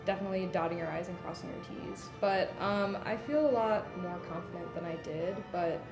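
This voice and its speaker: A woman's voice: fairly low pitch, a little fast, roomy sound, highs cut off, music in the background. A woman in her mid twenties, a projectionist, speaking casually in a documentary interview and often starting with a hesitant um. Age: 20s.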